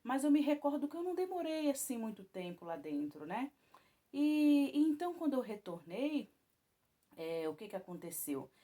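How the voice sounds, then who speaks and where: A woman's voice: very animated, moderate pace. Woman giving a rambling spoken testimony. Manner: rambling, many restarts and tag questions; voice rises high and loud when retelling alarm. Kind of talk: personal testimony told to viewers.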